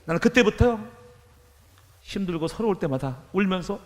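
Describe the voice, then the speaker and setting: A man's voice: high-pitched, animated, moderate pace, long reverb tail. An older male pastor preaching a sermon in a church, emphatic and calling the congregation to repeat after him. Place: church sanctuary.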